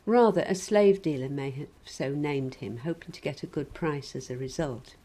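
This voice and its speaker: A woman preaching a sermon in a measured, gently wry reflective way. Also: sits low, rough recording.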